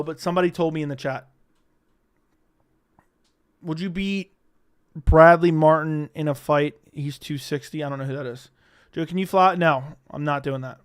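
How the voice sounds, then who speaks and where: Smooth-voiced young man chatting on a livestream. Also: a little high. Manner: rambling, profane, answers chat questions. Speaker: livestream host. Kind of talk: casual livestream chat.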